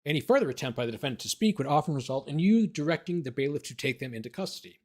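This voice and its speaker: A man hosting a livestream as an attorney, reading court documents aloud and commenting casually, his voice tiring and going hoarse. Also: a little high, animated, racing, a little mellow. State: losing his voice.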